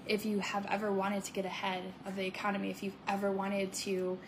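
A woman's voice: mid-range voice, monotone, brisk, noisy background. A woman co-hosting a casual podcast chat, upbeat and salesy, with lots of "like" and "right?". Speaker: podcast co-host.

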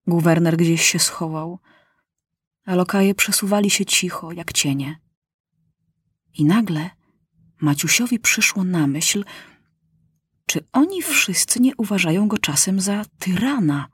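A woman narrating a storybook in a calm, measured way. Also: on the low side, breathy edge, dry recording, clean studio sound. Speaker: audiobook narrator.

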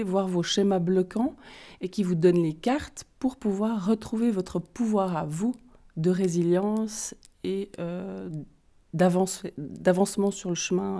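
A woman's voice: fairly low pitch, dark tone. A woman from Switzerland with a Vaud accent, a holistic therapist interviewed on a podcast, speaking hesitantly and searching for her words. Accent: Vaud Swiss French.

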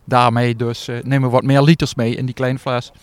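A man's voice: mid-range voice, little pitch movement, fairly quick, no echo. A man, a diver, answering questions outdoors by a lake in a modest, hesitant way.

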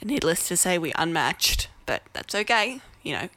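A woman's voice: lowish voice, big pitch swings, normal speed, pushed and bright, a little hiss or hum. A young woman hosting a podcast, telling blunt, self-mocking stories in a casual comedic monologue. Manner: chatty, blunt, self-mocking, swears and laughs often. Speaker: podcast host.

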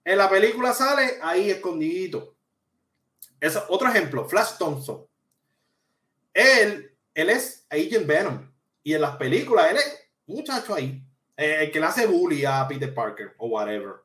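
A man with a fairly high voice, speaking at a normal speed, hosts a live-stream podcast and reads out the live chat. He jokes and goes on animated, slangy rants, and the room sounds echoey.

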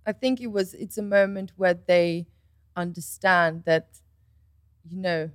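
A woman in her twenties chatting casually, telling a personal story with animated retellings of what others said. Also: on the low side, measured pace, dry recording, studio quality. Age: 20s. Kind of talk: casual chat.

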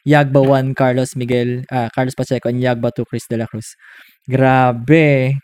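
A Filipino man co-hosts a laid-back podcast, telling stories with animated energy and plenty of laughter. His voice sits at an ordinary middle pitch for a man. The recording is close and dry, with no room sound. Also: a little fast, no echo. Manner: animated storyteller, switching between Tagalog and English. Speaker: podcast co-host. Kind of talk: casual chat.

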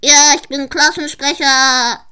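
Girl as a cocky little blob creature, high and bright, gloating. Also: little pitch movement, slow, exaggerated voice. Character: smug little male blob creature pupil.

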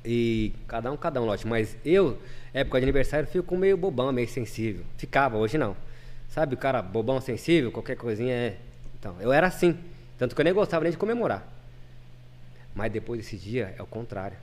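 A man speaks as a podcast guest, rattling off his story at a quick clip. His voice sits in an ordinary middle pitch, and he talks earnestly, stumbling and restarting as he goes. He comes across as a lay preacher chatting casually. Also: animated, a little mellow. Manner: earnest, fast, with many repeats and restarts.

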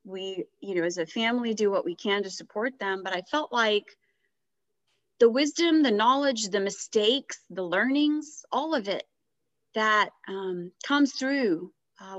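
On this podcast, the guest is a middle-aged woman author who reflects on her story casually, livening up whenever she recounts dialogue. She speaks at a medium pitch. The recording is dry and a bit dull, without any echo.

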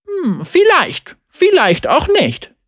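A cheeky young heroine with a high, bouncing voice, put on by a narrator. She teases and leaps around in pitch, quick and bright. The sound is dry and close, with no room around it. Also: huge pitch swings, no room sound, exaggerated voice. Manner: cheeky, teasing. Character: bold quick-witted young woman hero.

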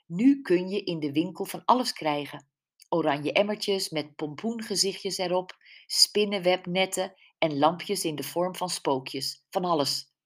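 A woman voicing a calm young woman who explains a village matter plainly, read in an audiobook. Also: on the low side, a little slow. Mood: explaining.

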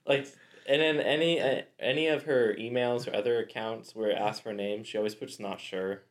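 A man co-hosting a podcast, telling stories in a relaxed, chatty way. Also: mid-range voice, fairly quick. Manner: laid-back storytelling, frequent laughs. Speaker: podcast co-host. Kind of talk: casual chat.

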